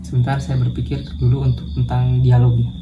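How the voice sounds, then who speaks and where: A man's voice: mid-range voice, monotone, a little fast, lo-fi sound, noisy background. A man talking to camera in a casual practice monologue, hesitant and thinking aloud with self-corrections, with crickets chirping behind. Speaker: vlogger doing a speaking challenge.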